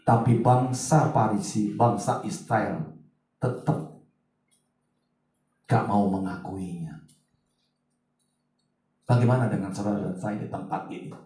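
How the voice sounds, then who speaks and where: Pastor preaching in an echoey hall. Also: male voice, on the low side, slow pace, pauses often, distant mic. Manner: chatty, swings from loud to hushed asides. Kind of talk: sermon. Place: large church hall.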